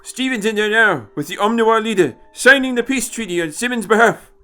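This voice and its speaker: A man's voice: sits high, expressive, fairly quick, sharp tone, clear, resonant tone, soft background music, pitched above the performer's own voice. A man voicing an indignant, triumphant old time-traveller in an audio story, with emphatic, theatrical exclamations. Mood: defiant. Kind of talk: audio short story character.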